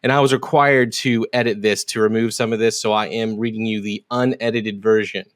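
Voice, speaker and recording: A man's voice: fairly low pitch, steady tone, fairly bright tone. A man hosting a casual podcast conversation, sometimes reading written posts aloud at speed. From United States. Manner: reads quoted posts aloud quickly. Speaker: podcast host.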